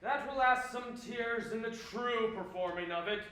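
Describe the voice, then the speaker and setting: A man's voice: very high-pitched, normal speed, sharp tone. A man playing Bottom, a boastful hammy weaver. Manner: grandiose and showy, loves to declaim. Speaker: amateur actor in a play reading. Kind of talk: Shakespeare scene performance. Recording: very echoey room, voice heard from a distance.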